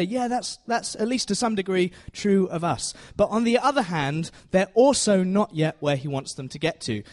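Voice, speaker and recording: This man's voice sits high with a darkish tone as he delivers a relaxed teaching sermon on the Bible to his congregation. He pokes fun at himself and keeps checking in with the people listening.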